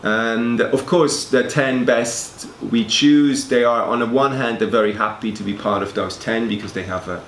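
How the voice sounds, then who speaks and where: A man's voice: medium pitch, steady tone, normal speed, hardly any pauses, fairly bright tone. A man in his forties from Switzerland, a fashion school's director of education, answering interview questions hesitantly and often repeating words. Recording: echoey room, faint noise.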